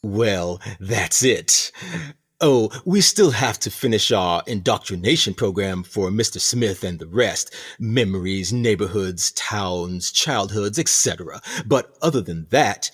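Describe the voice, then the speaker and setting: This fairly low-pitched man plays the pompous captain of a sinister prison colony in a radio drama, delivering his lines in a slow, deliberate, condescending way. It's a full character voice, expressive, a little bright, and slightly rough, radiating smug menace throughout.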